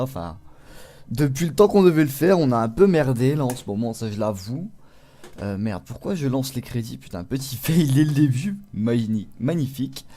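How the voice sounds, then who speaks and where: A man hosting a let's play video, giving casual gaming commentary, swearing freely and reacting loudly to the game. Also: medium pitch.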